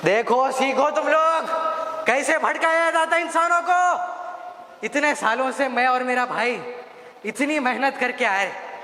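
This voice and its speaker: A high, bright, taunting devil schools his minions with cackles and shouts, as a young man performs him in a stage monologue. The voice rings through a big hall with a long reverb tail. A faint hiss sits under it. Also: full character voice. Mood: gleeful. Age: young adult. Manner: taunting, bossy, bursts into cackling laughs and shouts.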